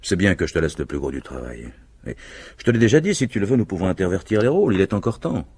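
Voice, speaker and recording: In a vintage French radio mystery, an actor voices a confident, scheming husband who delivers persuasive, emphatic speeches in a husky tone. His male voice sits low and dark, very animated and quick, with heavily acted delivery. Here the mood is tender.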